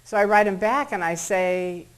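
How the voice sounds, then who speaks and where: A woman's voice: mid-range voice, moderate pace, clean tone, low-quality recording. A middle-aged American woman telling a personal story to an audience at a public talk, acting out what others said in shifting voices. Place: meeting room before an audience.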